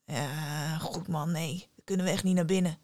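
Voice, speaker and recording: A woman's voice: lowish voice, level tone, quick pace, warm tone, no echo, clean studio sound, natural voice. A woman doing a thirsty, offhand hanged man.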